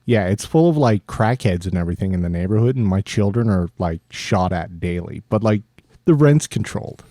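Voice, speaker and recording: A man's voice: lowish voice, a little fast, no room sound, clean studio sound. A man co-hosting a podcast, talking animatedly and acting out voices in casual chat. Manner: animated, acts out voices in quotes. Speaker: podcast co-host.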